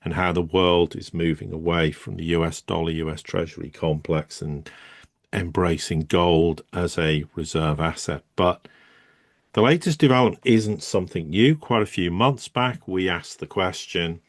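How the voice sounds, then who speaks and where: A man's voice: deep voice, normal speed, no echo, studio quality. A man, co-hosting and giving emphatic, rambling geopolitical commentary. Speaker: co-host.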